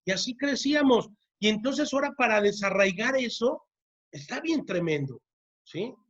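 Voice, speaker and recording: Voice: mid-range voice, lively intonation, normal speed, a bit bright, lo-fi sound. A church teacher leading a parenting class, who often checks in with the listeners and repeats key words to drive them home. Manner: keeps asking the audience "¿sí?", repeats key words.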